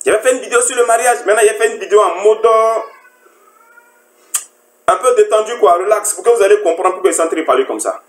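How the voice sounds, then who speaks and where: A woman's voice: medium pitch, animated, fast. A woman relationship coach delivers a lecturing monologue. She keeps mocking her listeners with the same rhetorical question. Her voice rings with a roomy echo. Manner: mocking, rhetorical, repeats "you didn't know that".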